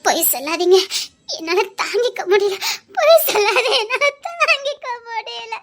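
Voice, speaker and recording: A hurt, stubborn young pregnant wife, acted by a woman in an audio drama. Her voice is extremely high and shrill. She accuses her husband tearfully and will not give in. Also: brisk, fairly bright tone.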